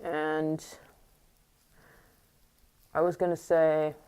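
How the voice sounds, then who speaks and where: A young woman vlogging in a casual, rambling monologue full of fillers and restarts, her voice a little squeaky from the morning and talking through a mask. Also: level tone, drawn-out words, dark tone, clean tone, rough recording. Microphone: wearing a mask.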